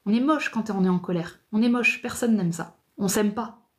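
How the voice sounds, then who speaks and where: A woman giving a live talk on psychotherapy, slow and repetitive, sometimes dropping to a near whisper. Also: medium pitch. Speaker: psychotherapy speaker.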